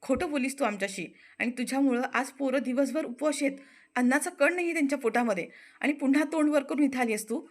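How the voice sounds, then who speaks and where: A woman's voice: on the high side, little pitch movement, quick pace, fairly bright tone, natural voice. A woman voicing an angry, tearful woman who scolds sharply. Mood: scolding.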